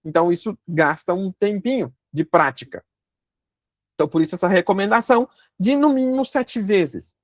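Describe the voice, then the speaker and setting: A woman giving a calm spoken lesson, explaining step by step with frequent fillers and restarts. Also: medium pitch, normal speed, no echo. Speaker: instructor.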